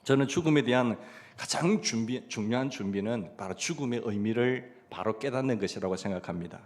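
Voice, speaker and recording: A middle-aged man preaches a Sunday sermon from the pulpit in a church, his voice at an ordinary pitch. He tells stories as he goes and often stops to put questions to the congregation. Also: brisk, a little mellow. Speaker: pastor. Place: church sanctuary.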